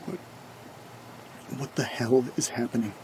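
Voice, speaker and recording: A man's voice: mid-range voice, a little slow, dark tone, lightly acted. An actor playing Nate, a rattled, anxious man caught up in a horror audio drama. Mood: troubled, bewildered. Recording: clearly noisy background ambience.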